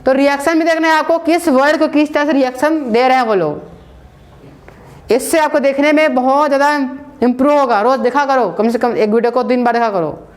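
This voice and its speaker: A woman with a slightly high voice teaches spoken English in a loose, chatty classroom way. She repeats herself often and keeps checking that her listeners follow, slipping English words into her talk. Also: brisk.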